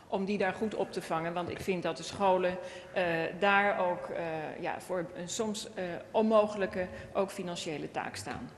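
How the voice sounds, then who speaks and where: A woman member of parliament speaking in a panel debate, lively but stumbling in places, in a large conference hall. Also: lowish voice, a little hiss or hum. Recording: echoey hall.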